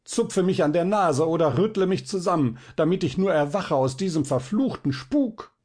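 Wanted: a male reader playing a frantic young student in a storybook, high-strung and loud. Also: animated, moderate pace. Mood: pleading. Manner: agitated, pleading.

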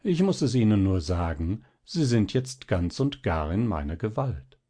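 A man reading aloud and voicing a calm, sly old male magician who talks in a measured, gently smiling way. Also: fairly low pitch.

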